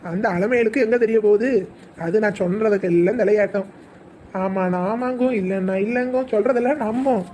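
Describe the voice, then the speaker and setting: A woman's voice: medium pitch, a little fast, dark tone, slight background noise, natural voice. A woman playing a jobless, scheming husband who brags about fooling his family, in a comedy skit. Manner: boastful, scheming.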